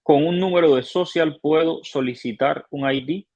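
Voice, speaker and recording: A man's voice: a little high, normal speed, darkish tone, dry recording, dull audio. A male host interviewing a guest and reading out viewer questions, hesitant with fillers as he starts each question.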